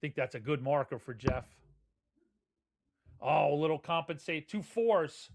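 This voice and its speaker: A man's voice: a little high, expressive, a little slow, creaky, a little mellow. A man giving live darts commentary in a conversational, folksy way. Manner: conversational, folksy turns of phrase.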